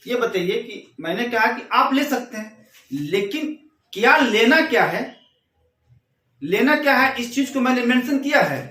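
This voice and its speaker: A man teaching an English grammar lesson, who reads each example slowly and then explains it again in Hindi. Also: very high voice, a bit bright, reverberant, distant mic.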